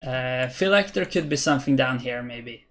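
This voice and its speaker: A young Norwegian in his twenties, speaking with a Norwegian accent, streams chess and chats with viewers. He's hesitant, thinking aloud over the chat, yet his mid-range, fairly bright voice has lively intonation at a moderate pace in this casual commentary.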